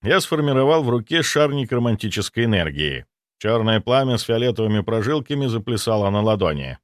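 A man narrating a first-person fantasy audiobook in an expressive, vivid storytelling manner. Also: fairly low pitch, a little fast, no room sound, clean studio sound.

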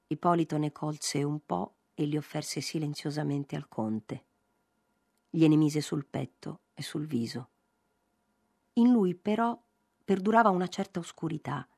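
A woman with a low, husky voice reads a literary novel aloud. Her pacing is measured and expressive. The sound is close and dry, with faint music underneath. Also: dry recording. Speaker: audiobook narrator. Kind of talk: literary audiobook reading.

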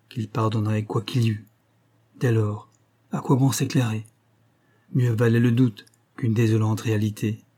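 A man narrating a classic novel as an audiobook, in a measured, dramatic storytelling manner. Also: fairly low pitch, dark tone, husky.

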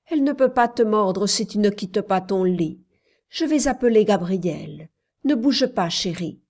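A woman voicing a calm, devoted young nursemaid who soothes a frightened child with urgent, firm words. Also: medium pitch, unhurried. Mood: hushed urgent. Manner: soothing yet urgent, rising to loud calls.

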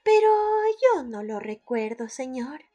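A woman's voice: fairly high pitch, very animated, measured pace, dark tone, faint music behind. A woman playing a polite English lady in a radio play, marvelling at every coincidence with formal exclamations. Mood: amazed politeness. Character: Mrs. Martin, a polite, wondering English lady. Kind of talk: radio theatre acting.

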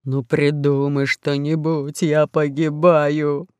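A woman voicing a fat, blustering male space pirate in an audiobook story, gruff and drawn-out. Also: deep voice, little pitch movement, a little mellow, dry recording, pitched below the performer's own voice. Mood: desperate.

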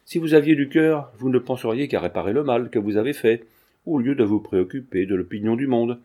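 A man's voice: medium pitch, a little fast, warm tone, close to an everyday voice. A man reading aloud, voicing a proud young male student speaking firmly.

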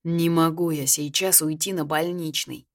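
A woman voicing a teasing, tender army major who is ill, speaking softly and wryly in an audiobook. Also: low voice, fairly even intonation, normal speed.

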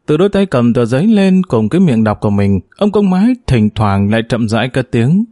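A man reads an audiobook chapter in an expressive, measured way. His pitch moves in a lively way, and his tone is mellow and dark. The sound is close and dry, with no room around it. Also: no room sound. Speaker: narrator. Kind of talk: audiobook narration.

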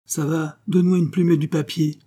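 A man's voice: on the high side, level tone, a little fast, mellow, husky, pitched above the performer's own voice. A man voicing an impetuous, sulky young nobleman who exclaims petulantly, read in an audiobook. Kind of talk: audiobook character reading.

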